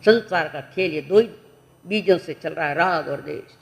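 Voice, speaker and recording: Woman, Jain nun, sermon, animated storytelling, voices village characters. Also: deep voice, moderate pace, gravelly.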